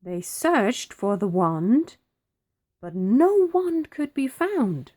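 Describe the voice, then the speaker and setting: A woman reading a children's picture book aloud, with expressive, dramatic pauses. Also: on the high side. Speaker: storybook reader.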